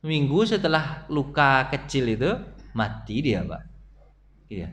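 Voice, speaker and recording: A middle-aged man preaches at a mosque study session, telling stories animatedly and putting questions to his audience. His voice is medium-pitched and his pace a little slow.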